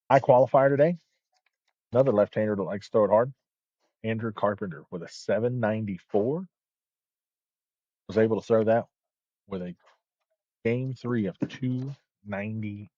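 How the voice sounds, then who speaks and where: A man commentates live bowling in a loose, chatty way, pausing on fillers as he goes. His voice sits a little low, and the sound is dry and dull, like lo-fi stream audio. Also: steady tone, mellow, dry recording.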